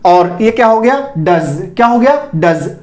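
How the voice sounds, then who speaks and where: A man runs an online pronunciation class in a patient, methodical way. He asks rhetorical questions, answers them himself and says each target sound over and over, slowly. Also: extremely high pitch. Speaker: English pronunciation teacher.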